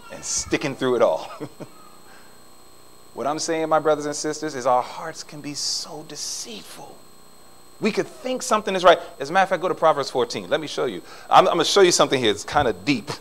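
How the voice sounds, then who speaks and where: A middle-aged man preaches from the pulpit with a voice that leaps up and down in pitch. He sits a little high for a man and swings between ringing emphasis and quiet, almost confiding asides. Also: animated, a little fast, slight background noise, poor audio. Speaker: pastor. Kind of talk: sermon. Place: church sanctuary.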